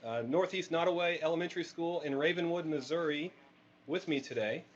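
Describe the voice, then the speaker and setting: Male moderator heard over a distant, muffled comm link; slightly high and halting. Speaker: event moderator. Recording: muffled far-off link audio with light noise.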